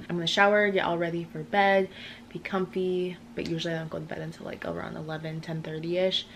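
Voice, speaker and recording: Against a noisy background, a young adult woman, a college student, talks casually to a phone camera held close, vlogging her day at home and at work. Her voice is lowish, her manner chatty and relaxed, and she trails off softly at times. She films indoors in a small apartment and an office.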